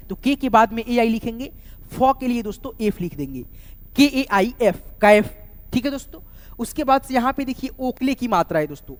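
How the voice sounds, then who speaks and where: Man teaching in an echoing room. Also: extremely high pitch. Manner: repeats "doston" and spells words letter by letter. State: sweating from heat. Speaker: online English teacher. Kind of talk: casual spoken lesson.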